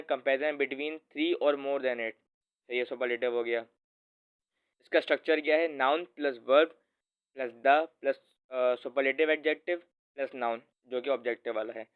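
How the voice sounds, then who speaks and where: A man's voice: a little high, clean tone. A man teaching English grammar in a casual, informal way, often correcting himself as he talks to his students. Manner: informal, addresses viewer as friend, self-corrects often. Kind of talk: casual explanatory lesson. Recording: tinny phone-like audio.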